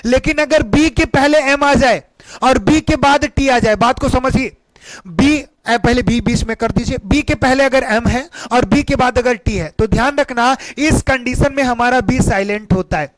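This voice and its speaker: A man with a Hindi accent teaching an English pronunciation lesson online, energetic and repeating key points back to his students as questions. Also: very high voice, moderate pace, no room sound, poor audio.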